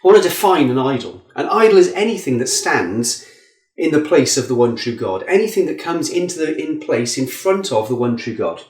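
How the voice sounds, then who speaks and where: A man's voice: sing-song, brisk, a little mellow. A man giving an earnest Bible teaching talk as a preacher, lifting his voice for emphasis. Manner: earnest, rising in pitch for emphasis. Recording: echoey room.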